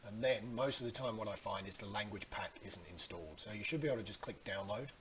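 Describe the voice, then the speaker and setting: A man giving a casual, conversational computer tutorial with some hesitation, recorded on a hissy boom microphone. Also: fast. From Australia. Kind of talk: casual screen tutorial narration. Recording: loud steady microphone hiss.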